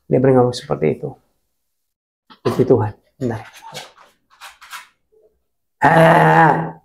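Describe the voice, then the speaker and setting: A man preaching a casual sermon, telling a story in an animated way and talking straight to his viewers. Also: medium pitch, slow, gravelly.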